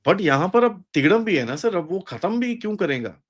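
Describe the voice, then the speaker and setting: A man with an Indian accent giving an animated political analysis, mixing in English phrases and acting out quoted speech. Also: high-pitched, moderate pace. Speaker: guest analyst. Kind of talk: casual political discussion.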